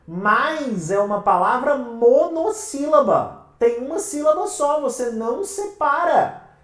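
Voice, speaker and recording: A woman's voice: sits high, animated, slow. A woman with a Brazilian Portuguese accent giving an exam-prep lecture, asking her class questions and answering them herself. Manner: calls the listeners "minha gente". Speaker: teacher. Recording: roomy sound from a distant mic.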